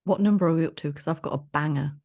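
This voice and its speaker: A woman's voice: deep voice, racing, a little mellow, husky. A woman co-hosting a podcast, chatting in a jokey, enthusiastic way. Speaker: podcast co-host. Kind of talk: casual chat.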